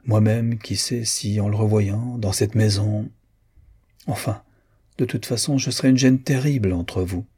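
A man reading an audiobook and voicing a proud, wary young woman in a slightly raised, measured tone. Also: lowish voice, steady tone, mellow, husky. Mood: reluctant.

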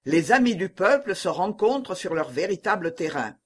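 A man's voice: high voice, big pitch swings, moderate pace, husky, full character voice. A man reading an audiobook and voicing a courtly, politic duke who is visiting a wounded man.

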